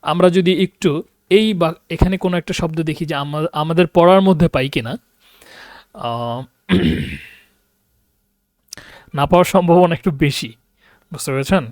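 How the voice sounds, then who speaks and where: A man teaching a beginners' language class online, explaining patiently, reading example sentences slowly and translating each one, often asking if students follow. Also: fairly high pitch, no echo, clean studio sound. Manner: explains patiently, checks understanding with questions. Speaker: Arabic teacher.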